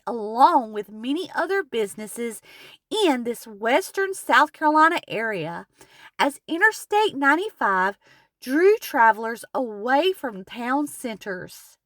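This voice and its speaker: A woman's slightly high voice narrates a local history travel video, a scripted reading delivered slowly and with measured care. The voice-over is recorded close, with no echo.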